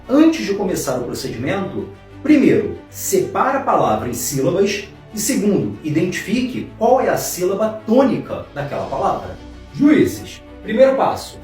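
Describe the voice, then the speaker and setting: A man with a high, lively voice walks through a grammar rule methodically, asking himself each question and answering it. He sounds set back from the mic in a very echoey room, with faint music underneath. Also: recorded from a distance. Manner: methodical, asks and answers his own questions. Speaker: Portuguese teacher. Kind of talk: grammar lesson at a board.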